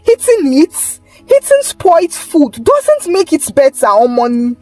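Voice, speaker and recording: A woman doing a tired husband who has lost his patience. He scolds loudly and pushes his voice up high, with lively swings in pitch. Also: normal speed, faint music behind. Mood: angry scolding. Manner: scolding, raised voice. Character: angry tired husband, adult man.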